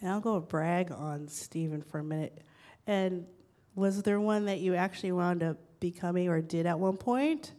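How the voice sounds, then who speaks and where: A woman's voice: fairly low pitch, moderate pace, mellow. A woman facilitating a casual group sharing session, prompting people in an encouraging, upbeat way.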